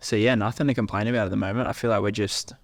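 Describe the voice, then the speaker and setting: A man's voice: fairly low pitch, steady tone, rapid-fire. Upbeat Australian man on a podcast. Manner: upbeat, laughs easily, uses mate and eh. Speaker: podcast co-host. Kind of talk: casual chat.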